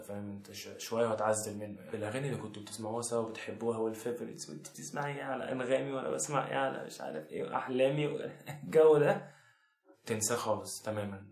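Fast-talking Egyptian man, mock-serious advice. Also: mid-range voice, a little mellow. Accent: Egyptian Arabic. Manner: sarcastic, mock-serious, slangy. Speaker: comedy vlogger. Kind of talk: comic advice monologue. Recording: echoey room.

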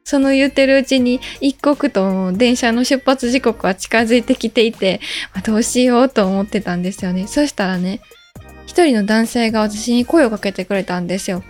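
A woman podcast host with a lilt, on the higher side, chatting through a travel story. She acts out the voices of people she met, with faint music playing behind her. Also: normal speed. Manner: lively storyteller, acts out quoted speech. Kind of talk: casual radio talk, travel story.

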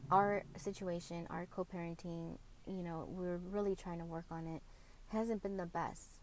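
A slightly low-voiced podcast host speaks reflectively and candidly at a moderate pace with fairly even intonation. Her personal monologue is full of fillers and self-corrections, and she comes from Mexican heritage, having grown up speaking Spanish at home.

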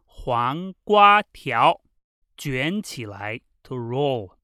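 A teacher reading a vocabulary lesson, saying each word clearly and repeating it twice. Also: medium pitch, very animated, drawn-out words, sharp tone, dry recording, clean studio sound. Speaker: Mandarin teacher. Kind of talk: slow bilingual vocabulary lesson.

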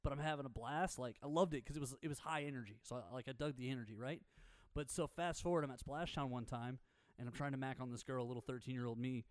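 A man in his thirties co-hosting a radio show, casually telling rambling, animated anecdotes and acting out bits. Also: mid-range voice, quick pace, no echo. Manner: animated storyteller, acts out sounds and quotes. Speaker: radio co-host.

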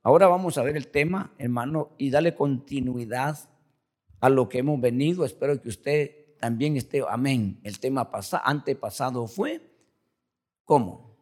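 A man's voice: mid-range voice, moderate pace, a little mellow. An older man, a pastor, preaching a sermon in a loose, conversational way, full of repeated words and tag questions to the congregation. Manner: addresses the congregation as brothers throughout.

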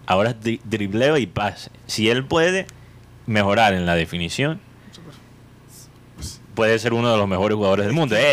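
A man co-hosting a podcast, chatting about football in an animated, opinionated way and throwing out rhetorical questions. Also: mid-range voice. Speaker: podcast co-host. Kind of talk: casual football chat.

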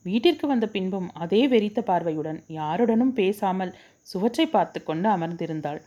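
A woman narrating a dramatic story with a steady, emotive reading. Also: fairly low pitch, highs cut off.

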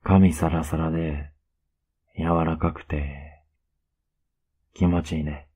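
A man playing a tender, teasing, clingy younger boyfriend in an ASMR role-play, murmuring softly and intimately. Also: very deep voice, level tone, slow, breathy edge, heavily acted. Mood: soothing, content. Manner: soft, intimate, coaxing murmur.

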